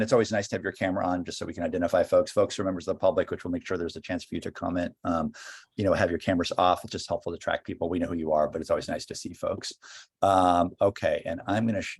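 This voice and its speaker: A man's voice: deep voice, breathy edge, dry recording. A man chairing an online meeting, hesitant with many fillers. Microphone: video call.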